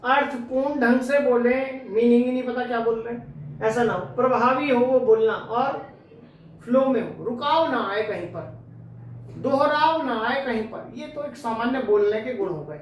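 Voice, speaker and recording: A woman's voice: fairly high pitch, normal speed, slight background noise. A woman teacher giving an exam-prep lecture who asks her students questions and then answers them herself. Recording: very echoey room, distant mic.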